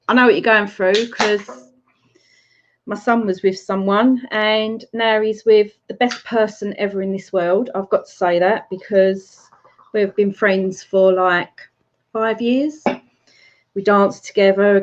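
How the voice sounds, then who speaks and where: A woman's voice: mid-range voice, a little hiss or hum. Chatty Essex woman on a livestream. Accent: Essex English. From Essex, England. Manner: chatty, greets viewers by name, laughs often. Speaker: livestream host. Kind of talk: casual livestream chat. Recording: slightly muffled lo-fi stream audio.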